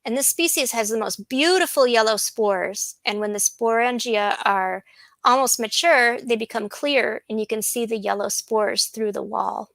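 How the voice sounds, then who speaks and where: A woman botanist talks through her slides at an easy pace, often pausing with an um or starting a sentence over. Her voice sits a little high. The recording is dry and close, with no room sound. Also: creaky, a bit bright, dry recording, poor audio. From USA. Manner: unhurried, with frequent ums and restarts. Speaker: botanist giving a presentation. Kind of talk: slide lecture, casual.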